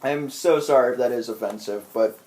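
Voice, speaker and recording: A man's voice: mid-range voice, a little fast, a little mellow. A man co-hosting a podcast, chatting playfully about a movie and laughing easily. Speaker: podcast co-host. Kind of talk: casual movie chat.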